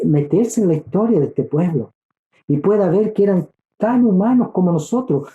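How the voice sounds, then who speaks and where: A man teaches scripture with a very dark, mellow tone set a little higher than most men. His delivery is earnest and halting, restarting phrases and calling his listeners brother. The room around him is echoey. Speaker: Bible study teacher. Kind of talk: Bible study teaching.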